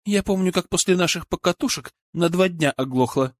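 A man's voice: sits high, a little fast, no room sound, clean studio sound, pitched above the performer's own voice, close to an everyday voice. A man reading the lines of a stern, teasing young woman, his voice raised.

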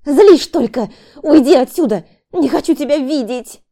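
A woman's voice: high-pitched, animated, drawn-out words, dark tone, pitched above the performer's own voice, exaggerated voice. A woman voicing a young woman in labor, frightened and demanding, her talk strained and tearful. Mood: angry pain.

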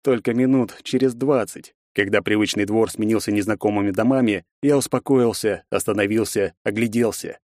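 A man narrating a first-person audiobook in an expressive, gritty storytelling manner. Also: fairly low pitch, normal speed, hardly any pauses, dry recording, clean studio sound.

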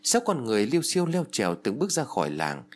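A man's voice: mid-range voice, huge pitch swings, racing. A man reading a first-person novel aloud as an audiobook narrator, telling it expressively. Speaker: audiobook reader.

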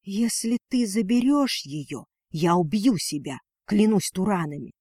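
A man's voice: high voice, animated, unhurried, darkish tone, slightly rough, no room sound, studio quality, full character voice. A man voicing Ninalia, a proud female dragon and mother who fights for her weak daughter, speaking in a defiant, pleading manner. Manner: pleading then spitting defiance.

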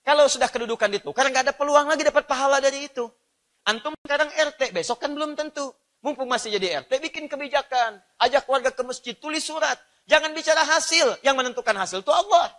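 A man preaching a sermon, swinging from loud emphatic lines to soft, low asides. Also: fast talker.

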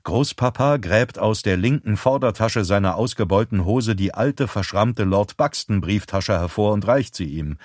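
A man reading a thriller audiobook as narrator, in a steady, measured way. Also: lowish voice, no echo, clean studio sound. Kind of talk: scripted narration.

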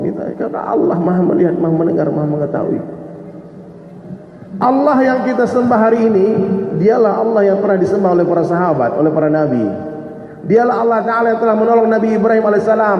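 High-voiced preacher in an echoey hall. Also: male voice, slight background noise. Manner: lively, addresses listeners directly, joking. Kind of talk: sermon. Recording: echoey hall, dull sound.

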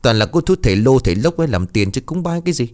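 A man voicing a stingy, scolding middle-aged village mother who nags in a fast, sharp way. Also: big pitch swings, close to an everyday voice. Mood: nagging. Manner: nagging, shrill scolding.

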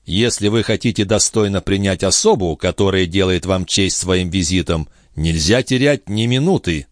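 A man voicing a calm, imposing male sorcerer guest in an audiobook. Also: deep voice, normal speed, dry recording, studio quality, natural voice.

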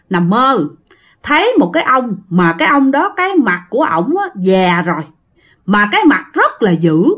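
A woman telling a ghost story in a casual, lively way, acting out the voices she quotes. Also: a little high.

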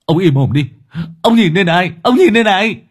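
A man voicing a battered young man who shouts shrilly and whines. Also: high voice, animated, fairly quick, husky, pitched above the performer's own voice. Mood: angry shouting.

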